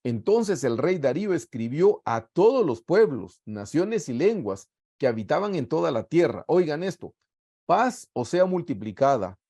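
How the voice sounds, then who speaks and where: A man's voice: fairly high pitch, big pitch swings, measured pace, dark tone, husky. A middle-aged man with a Guatemalan accent teaching a Bible study in a sermon style over a video call. He reads scripture aloud and then explains it earnestly to his listeners. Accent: Guatemalan Spanish.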